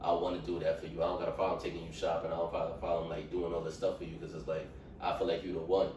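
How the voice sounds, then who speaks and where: Deep-voiced man rambling in casual chat. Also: completely flat delivery, very fast. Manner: rambling, heavy use of fillers. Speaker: podcast guest. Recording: echoey room, mic far off, faint noise.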